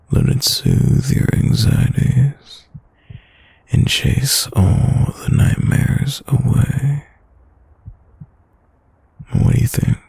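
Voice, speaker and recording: A man playing a tender, protective, gently dominant boyfriend in a whispered role-play, murmuring intimately and soothingly in a breathy, gravelly low voice. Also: no echo, heavily acted. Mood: soothing, sleepy.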